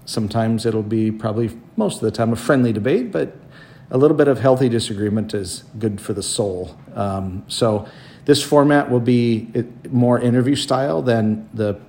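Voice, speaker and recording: Low-key, mellow male podcast host. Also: moderate pace, a little hiss or hum. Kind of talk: conversational podcast interview. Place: home dining room.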